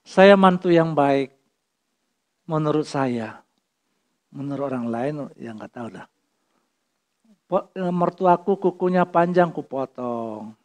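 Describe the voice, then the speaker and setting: A male pastor preaching a sermon, switching between loud, emphatic points and soft, low-voiced asides, with joking personal stories. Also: expressive, slow, pauses often.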